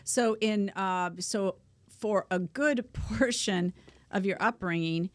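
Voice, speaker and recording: A woman's voice: mid-range voice, slow pace. A woman hosting a studio interview show, assertive and steering the talk with interjections. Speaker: show host.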